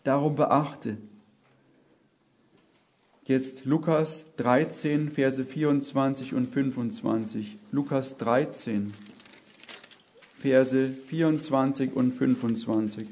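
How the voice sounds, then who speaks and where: A man's voice: mid-range voice, fairly even intonation, darkish tone. A man preaching an earnest sermon, often adding "ja?" as he speaks. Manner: slow, earnest, emphatic with many "ja?" asides.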